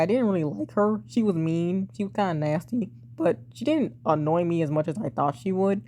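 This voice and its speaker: A young woman reviewing a TV drama in a blunt, exasperated way, sighing and swearing, her voice a bit hoarse and cracking. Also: mid-range voice, warm tone. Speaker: TV show reviewer. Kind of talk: casual opinionated review.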